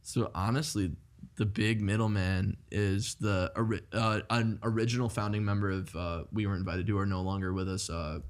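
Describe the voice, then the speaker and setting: Young dude in a band, kinda low voice, rambles with tons of "like". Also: male voice, little pitch movement, moderate pace. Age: 20s. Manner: rambling, many "like" fillers. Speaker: band member guest. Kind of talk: casual interview chat.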